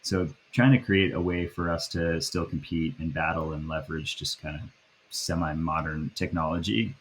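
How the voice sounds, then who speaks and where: A man in his thirties from the Boston area chats easily as a podcast guest, his voice sitting very low. He talks in a loose, relaxed way, full of "um"s and "kinda"s. A faint hiss sits under the voice. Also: normal speed. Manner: relaxed, chatty, frequent fillers like "um" and "kinda". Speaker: guest, app founder. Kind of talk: casual interview chat.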